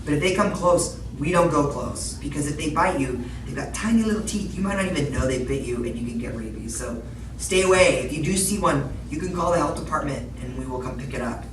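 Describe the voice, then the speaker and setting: A woman's voice: low-pitched, lively intonation, brisk. Woman, middle-aged, health educator explaining to kids, question-led and simple; roomy, noisy, off-mic recording. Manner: explaining to a child in simple words, prompting with questions. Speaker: public health educator presenting to children. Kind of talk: interactive educational talk, explaining to children. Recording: echoey room, distant mic, noisy background.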